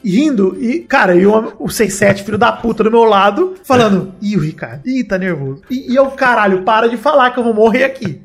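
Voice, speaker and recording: A woman's voice: a little high, brisk, few pauses, breathy edge. A young woman telling a funny story in casual chat, laughing often and acting out what the others said. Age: young adult.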